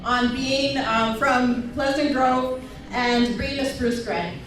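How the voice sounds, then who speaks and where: A woman's voice: high-pitched, steady tone, takes it slowly, slight background noise. A young adult woman, a school board trustee, introducing herself with proud, upbeat energy on a panel. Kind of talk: public panel remarks. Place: large community center hall. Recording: very echoey hall from far off.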